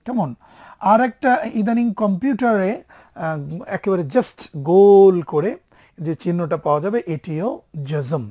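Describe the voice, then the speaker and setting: A man teaching on television, patiently spelling out letters slowly and having viewers repeat after him. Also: high voice, darkish tone. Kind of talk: televised lesson on reading Arabic letters.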